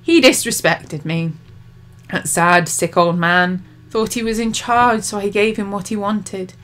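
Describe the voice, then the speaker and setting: A woman's voice: medium pitch, unhurried, a bit bright, natural voice. Woman voicing a thin, spiteful demon man. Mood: taunting. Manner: taunting, sing-song mockery. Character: spiteful male demon, mocking and cruel.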